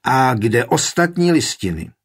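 A man reading an audiobook, voicing a greedy, hot-tempered young knight who shouts and threatens. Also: mid-range voice, big pitch swings, slightly rough. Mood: furious. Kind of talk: audiobook character voice.

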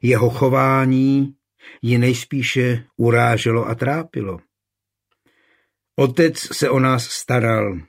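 A man reads a historical novel aloud, measured and even. His middle-pitched voice is husky, with a breathy grain throughout. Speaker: narrator. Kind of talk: audiobook narration.

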